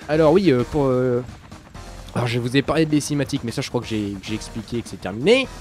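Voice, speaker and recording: A young man casually commenting on a shooter game as he plays, rambling, losing his thread and filling pauses with many hesitations. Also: mid-range voice, expressive, darkish tone. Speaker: let's play commentator. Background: game sounds and music.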